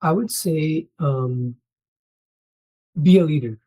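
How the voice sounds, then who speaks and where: A man's voice: fairly high pitch, slow pace, dark tone, rough recording. A man speaking as a student in an interview, giving encouraging, motivational advice.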